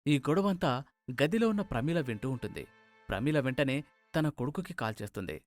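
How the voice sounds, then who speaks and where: A man narrating a cartoon moral story in steady scripted narration. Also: medium pitch, fairly quick, no echo, faint music behind.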